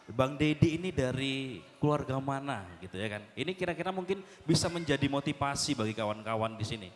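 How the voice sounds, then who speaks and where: A man, moderating a casual talk show. He talks in a chatty way with frequent fillers and quick asides. His voice rings out with a long hall reverb. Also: medium pitch, lively intonation. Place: mosque hall.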